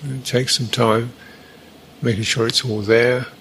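Slight background noise sits behind a man's flat, even, medium-pitched voice as he, a meditation teacher, guides a very slow meditation. He gives clipped, halting cues with long stretches of quiet between them.

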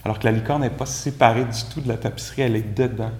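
A man from Quebec with a Quebec French accent teaches meditation in an easy, conversational way, leaning on little fillers between his thoughts. His voice sits at an ordinary pitch for a man. The talk carries the echo of a room, with faint noise behind it. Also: fairly even intonation, racing, a little mellow. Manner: casual, conversational, many "tu sais" fillers. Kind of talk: dharma talk.

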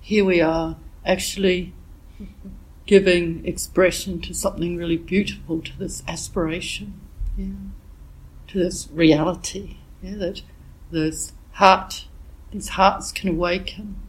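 A woman meditation teacher giving a dharma talk while she has a cold, reflective and gently searching for her words. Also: lowish voice, steady tone, breathy edge, poor audio. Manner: reflective, unhurried, gently searching for words with frequent "yeah" and "you know". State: has a cold, voice a bit thick.

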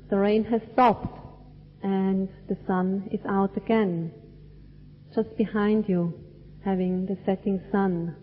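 A woman from Switzerland gives a dharma talk at a very unhurried pace, weighing each short phrase. Her voice trails off into the long reverb of a large cinema hall. The recording sounds dull and lo-fi. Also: mid-range voice, slight background noise. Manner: slow, measured, deliberate phrasing. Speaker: Buddhist teacher.

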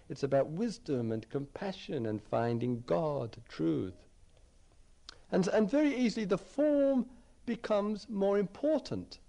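Reflective male meditation teacher, lively pitch. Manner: reflective, repeats phrases while searching for words. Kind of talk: dharma talk at a retreat.

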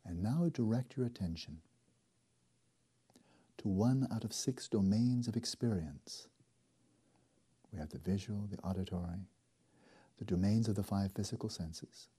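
A man leading a guided meditation as a teacher, speaking slowly and softly with deliberate pauses and a husky edge. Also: on the low side. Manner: slow, soft and deliberate, with long pauses.

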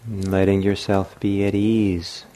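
Leading a meditation practice like a teacher, a man with a deep, mellow voice speaks in short, very gentle phrases with long pauses between them. His pace is markedly slow and unhurried, and his delivery is completely flat.

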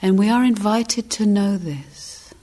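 At a medium pitch, a woman meditation teacher gives guided instruction. She speaks gently and deliberately, in short phrases punctuated by long pauses.

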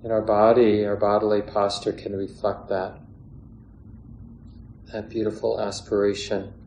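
In what sounds like a large room or meditation hall, a male meditation teacher gives unscripted guidance in a measured, tranquil manner, letting long silences fall between his phrases. The low voice hardly varies, and the space lends a distinct echo plus a faint background hum.

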